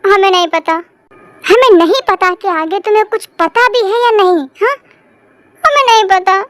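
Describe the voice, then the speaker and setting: A tearful young village wife whimpers, her very high voice thin and small, as a woman acts her out. She keeps saying she does not know, crying between words. The sound is dry and close. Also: normal speed, fairly bright tone, no echo. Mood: weepy. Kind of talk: fan audio story voice acting.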